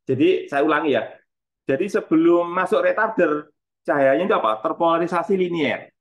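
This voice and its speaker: A man's voice: a little high, a bit bright. A middle-aged man teaching a physics class. He speaks in a loose, conversational style, repeats points and poses questions to the students before answering them himself. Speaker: physics lecturer. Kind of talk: university lecture.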